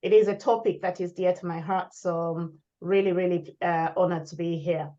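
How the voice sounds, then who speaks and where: Zambian-born woman, low voice, dull audio. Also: fairly even intonation, normal speed, dark tone. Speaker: guest speaker, leadership lecturer. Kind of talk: panel discussion.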